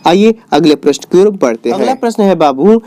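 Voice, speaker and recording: A man teaching a recorded lesson in Hindi, asking questions and answering them himself, drawing out each answer lower and slower. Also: lively intonation, dark tone. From Bihar, India. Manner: asks questions and answers them himself, calls the viewer "babu".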